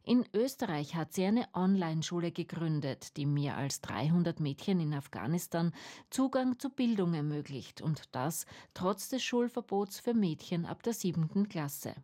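A woman reading a radio feature report in an even, measured way. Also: on the low side. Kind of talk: scripted feature narration.

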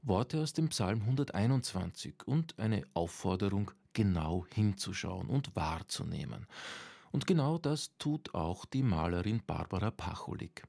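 A man presenting a radio feature in a calm, measured, scripted way. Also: low voice, gravelly, no echo. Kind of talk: scripted broadcast narration.

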